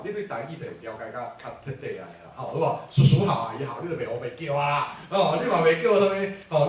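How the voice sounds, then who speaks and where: Lecturing a class with animation, a man frequently poses rhetorical questions to the room. His high voice swings widely in pitch. He sounds far away, in a strongly echoing hall.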